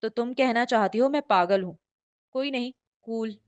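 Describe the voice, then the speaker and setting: A woman's voice: a little high, moderate pace, clean tone, close to an everyday voice. A woman reading the lines of a stubborn, demanding young man who is the hero of a romance novel. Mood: teasing. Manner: demanding and insistent.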